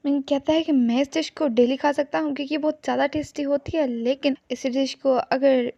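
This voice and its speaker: High-voiced woman retelling a story. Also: steady tone, fairly quick, gravelly, dark tone, no echo, dull audio. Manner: retells scenes line by line, quoting each character plainly. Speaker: series recap narrator. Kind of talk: casual plot-recap narration.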